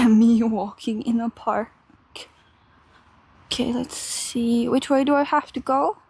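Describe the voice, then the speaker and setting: A woman's voice: fairly high pitch, steady tone, slow, gravelly, a little mellow, breathy edge. A young woman from Finland, chatting casually to her live-stream viewers while walking outdoors. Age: young adult. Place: outdoors in a park and transit stations.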